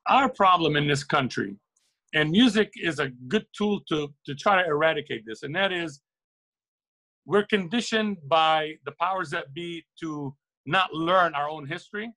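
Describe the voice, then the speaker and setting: Interviewed about his views, a middle-aged man from Lebanon who owns a record shop reflects earnestly, repeating and rephrasing words to stress them. His sharp, somewhat high voice moves at a moderate pace, and the audio quality is poor.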